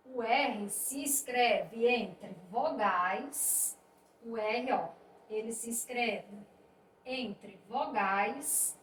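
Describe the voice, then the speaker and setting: A woman teacher explaining spelling rules slowly and patiently, restating each point. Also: a little high, a bit bright. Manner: slow, explanatory, repeats points with "isto é". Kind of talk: spelling lesson. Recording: echoey room, voice a bit distant, faint noise.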